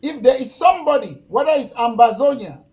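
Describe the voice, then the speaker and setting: Insistent high-voiced man from Cameroon. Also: lively intonation, a little fast, highs cut off. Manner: insistent, repeats his points forcefully. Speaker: political guest. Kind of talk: heated talk show debate.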